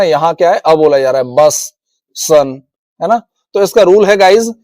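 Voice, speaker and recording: A man with an Indian accent runs a video lesson on English pronunciation. His voice sits high and the sound is dry and close, with no room around it. He often calls his viewers "guys" and repeats each rule as he goes. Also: a little mellow, dry recording. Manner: repetitive, addresses viewers as guys. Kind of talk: classroom-style video lesson.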